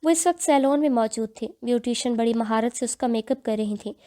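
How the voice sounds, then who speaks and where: Mellow-voiced woman narrating a novel. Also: on the high side. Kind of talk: dramatic audiobook narration.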